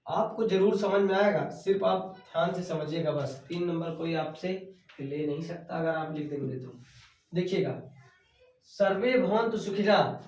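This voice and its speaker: A male teacher explaining Sanskrit verses at a board, slowly repeating words as he writes and chanting the verses. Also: a little high, a little mellow, distant mic. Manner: chants verses in a sung recitation. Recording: echoey room, voice off-mic.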